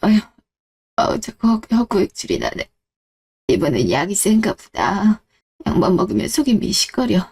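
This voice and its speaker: A woman's voice: mid-range voice, very animated, moderate pace, creaky, darkish tone, husky, exaggerated voice. A woman voicing a frail, sick elderly mother who speaks meekly and apologetically. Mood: apologetic. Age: older. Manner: meek, apologetic.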